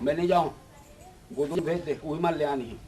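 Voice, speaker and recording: A man's voice: on the high side, moderate pace, very noisy. A man with a Chhattisgarhi accent acting a grumbling, argumentative husband in a comedy sketch. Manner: grumbling, argumentative, sometimes shouting. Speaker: comic actor playing a quarrelling husband. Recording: loud background music.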